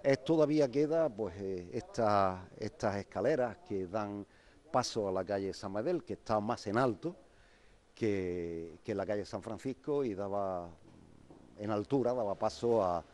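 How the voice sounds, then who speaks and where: A man's voice: fairly low pitch, measured pace, a little mellow. A man explains the history of an old quarter as he walks its streets outdoors. His talk is unscripted, full of restarts and fillers, in the manner of a local guide. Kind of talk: walking tour explanation.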